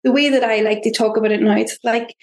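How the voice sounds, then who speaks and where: A woman with an Irish accent, a podcast guest talking in an earnest, halting way with frequent restarts. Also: fairly high pitch, fairly even intonation, darkish tone. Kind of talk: reflective interview talk. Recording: roomy echo.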